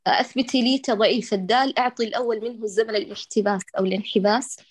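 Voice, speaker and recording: A woman's voice: on the high side, steady tone, racing, slightly rough, no room sound. A woman teaches Quran recitation in an online lesson, fixing each letter and repeating the correct sound for her student. She showers praise and blessings between corrections. The recording is dry and close, with almost no room sound. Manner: patient, correcting and modelling sounds, many blessings.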